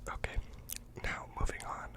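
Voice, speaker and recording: Whispered role-play, deadpan librarian. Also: normal speed. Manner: deadpan, mock-earnest. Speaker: ASMR performer playing a librarian recommending books.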